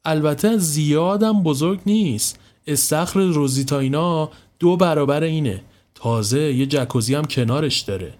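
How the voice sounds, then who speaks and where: A male narrator voicing a sharp-tongued, boastful middle-aged woman, slow and indignant, in a spoken horror story. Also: a little high, pitched above the performer's own voice, lightly acted. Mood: snide boasting. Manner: indignant, showy, slow stressed delivery.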